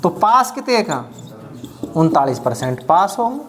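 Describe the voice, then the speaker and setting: A man's voice: a little high, very animated, a little slow. A man teaching an exam-prep math lesson, counting out each calculation aloud step by step and often checking that the class has understood.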